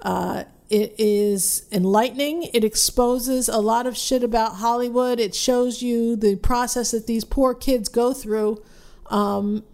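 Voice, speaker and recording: A woman co-hosting a casual chat, rambling with restarts and getting animated when she rants. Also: on the high side, a little slow, vocal fry. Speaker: podcast co-host.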